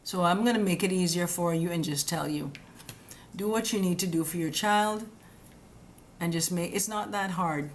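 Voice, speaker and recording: A woman with a fairly low pitch and moderate pace explains immigration rules on a live stream, replying to viewer comments. Her manner is chatty, direct and scolding, she keeps saying "guys," and the webcam or phone audio carries slight background noise.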